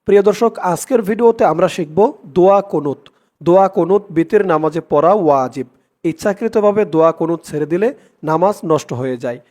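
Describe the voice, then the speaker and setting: A man with a Bangladeshi Bengali accent, teaching prayer recitation syllable by syllable and reciting in a drawn-out way. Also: high voice, dark tone. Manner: spells out each syllable, then recites drawn out. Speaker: religious teacher. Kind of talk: slow recitation lesson.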